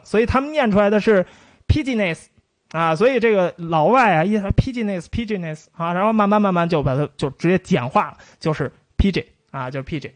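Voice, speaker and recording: A man with a high, bouncy voice gives a relaxed history talk and hams up odd pronunciations as he goes. The sound is close and dry, with no room around it. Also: dry recording. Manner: lively storytelling with playful mock pronunciations. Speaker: history lecturer. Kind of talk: casual spoken history lecture.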